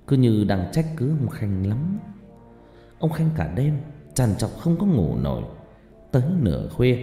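A man narrating a horror story in a dramatic way, swinging between tense and hushed delivery. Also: lowish voice. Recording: heavy reverb, faint music behind.

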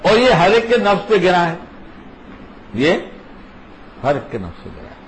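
An older man giving an informal religious talk, in a fairly high voice. He teaches in an emphatic, conversational way. He repeats key phrases over and over. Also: big pitch swings, slight background noise, rough recording. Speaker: religious speaker.

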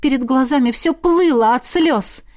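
A woman reads a fantasy novel aloud in a steady, expressive narration. Her voice sits a little high for a woman and carries the story evenly. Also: a little slow. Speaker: audiobook narrator.

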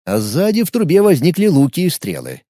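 Animated male audiobook narrator. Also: fairly high pitch, a little fast, no room sound, studio quality. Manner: animated storytelling.

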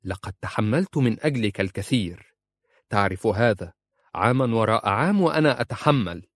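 A man's voice: lowish voice, lively intonation, normal speed, no room sound. A man voicing a devoted, strong-willed young married woman, speaking in a pleading, emphatic way.

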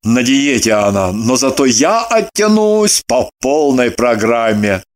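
Pompous blustering husband put on by the reader, deep changed voice, slow and swinging. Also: big pitch swings. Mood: smug. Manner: booming, drawn-out exclamations. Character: pompous middle-aged husband, blustering and self-satisfied.

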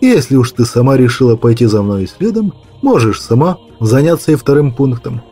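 A man doing a calm stony witcher. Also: moderate pace, breathy edge, soft background music. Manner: quiet, low, level and curt. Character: calm, laconic grown male witcher, stony. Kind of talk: audiobook character voice.

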